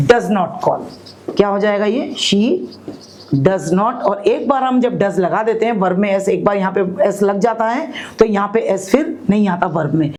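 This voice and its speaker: A woman with an Indian accent teaching spoken English, explaining each rule step by step, asking her students questions and slowly repeating example sentences. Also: medium pitch, darkish tone, low-quality recording.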